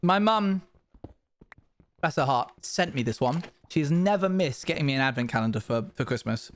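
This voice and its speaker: A man's voice: fairly high pitch, expressive, normal speed, slight background noise. A young man streaming live, telling rambling stories to his viewers with self-aware asides. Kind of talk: casual chat with viewers.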